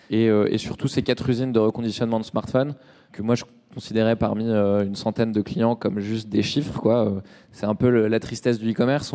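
Recorded with a long reverb tail, a Frenchman from Nantes in his thirties speaks in a low, dark voice. He's a startup co-founder guesting on a podcast, answering interview questions in a slangy, halting, casual way full of trailing tags.

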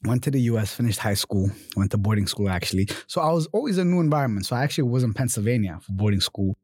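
Lively young man, low voice, dry sound. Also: rapid-fire, no echo. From Germany. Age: 20s. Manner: animated storyteller, frequent "you know" and "right?". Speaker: guest. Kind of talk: casual interview conversation.

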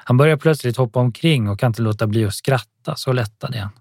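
A man narrating an audiobook in a calm, even storytelling manner. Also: medium pitch, dry recording.

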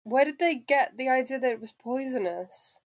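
A woman's voice: high-pitched, lively intonation, moderate pace. A woman in a casual podcast chat, curious and playful, asking her co-host many questions.

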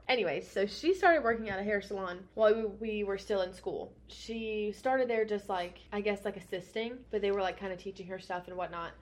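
A young adult woman, a hairstylist and podcast co-host, chatting casually in a frank, rambling way and swearing freely. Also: mid-range voice. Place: United States.

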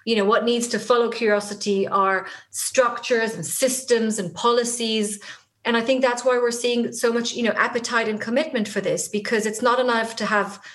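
A middle-aged Israeli woman, a native Hebrew speaker with an Israeli accent, is a guest in a conversational interview, speaking earnestly and reflectively and often restarting her sentences. Her voice is fairly high and a bit bright, with a steady tone and normal speed.

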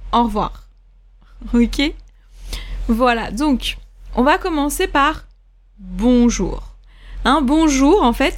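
A woman hosting a podcast lesson, explaining greetings step by step, repeating example words and checking in with learners. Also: sits high. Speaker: French teacher and podcast host. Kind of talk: casual spoken lesson for learners.

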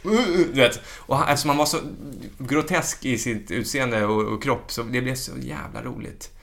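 A man in casual chat who tells comedy anecdotes with lively acted-out bits and frequent swearing. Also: mid-range voice, creaky. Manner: animated storyteller, swears freely, acts out jokes.

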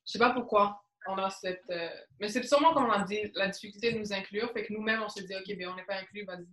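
Brief: young Quebec woman, mid pitch, slangy and emphatic, recorded in a roomy, echoey space. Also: fast talker, a bit bright. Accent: Quebec French. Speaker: panel discussant. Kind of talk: casual discussion. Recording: echoey room.

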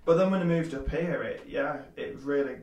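A man's voice: on the high side, moderate pace, a little mellow, reverberant, lo-fi sound. A man in his twenties with a Yorkshire accent, a guest in a casual interview, rambling with many fillers and restarts. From Leeds, England. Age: 20s. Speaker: guest, small business owner.

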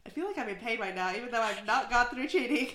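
A woman co-hosting a casual chat podcast, emphatic and animated, laughing often. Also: on the high side, fast, echoey room. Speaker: podcast co-host.

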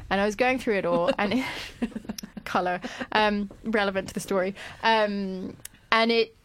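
A woman hosting a casual radio chat show in a studio, chatty and quick to laugh. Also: mid-range voice, fairly bright tone, no echo.

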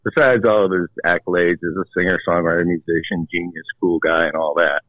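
A man calling in to a radio show on the phone, talking in an easygoing, halting way. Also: low voice, fairly even intonation, no room sound. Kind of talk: casual radio chat. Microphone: telephone. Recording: muffled phone line.

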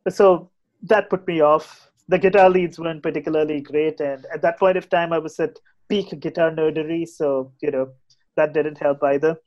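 A man's voice: fairly high pitch, steady tone, moderate pace, a little mellow, muffled recording. A man with an Indian English accent chatting casually and giving opinions as a podcast guest, often repeating and restarting his phrases.

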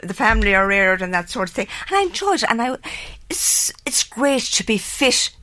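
A woman's voice: fairly high pitch, big pitch swings, normal speed, bright, forceful tone, no echo. An older woman with a west of Ireland accent, chatting casually as an interview guest and repeating phrases for emphasis. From Galway, west of Ireland. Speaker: tennis club founder, interview guest.

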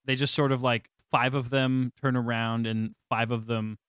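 A man's voice: mid-range voice, little pitch movement, normal speed, fairly bright tone, clear, resonant tone, dry recording, clean studio sound. A man narrating as game master of a tabletop game, laid-back and laughing often, with many fillers.

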